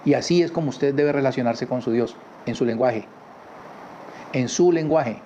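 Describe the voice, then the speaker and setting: A man teaching a religious lesson from his home in a conversational way, often adding quick tag questions. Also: medium pitch, dark tone. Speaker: Torah teacher. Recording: slightly dull recording with faint background noise.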